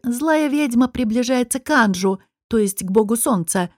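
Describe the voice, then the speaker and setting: Woman narrator, slightly high voice, slow measured reading, dry close sound. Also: lively intonation, no room sound. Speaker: audiobook narrator. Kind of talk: scripted narration.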